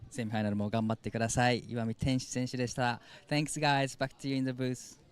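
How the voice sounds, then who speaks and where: Fast, clear male surf-contest interviewer. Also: medium pitch, little pitch movement. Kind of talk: live sports interview, switching between two languages.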